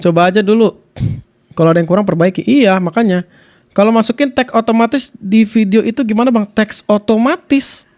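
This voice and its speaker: A man's voice: sits high, a little fast, a little mellow. A young man giving a casual live tutorial on video clipping, rambling in slang and reading viewers' questions aloud. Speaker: streamer teaching video clipping.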